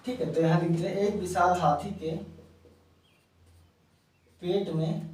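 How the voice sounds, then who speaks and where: A male teacher giving a classroom lecture, going slowly and repeating key words one at a time so students can write them down. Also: sits high, steady tone, a little mellow. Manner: slow, repeats key words for note-taking. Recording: echoey room, mic far off.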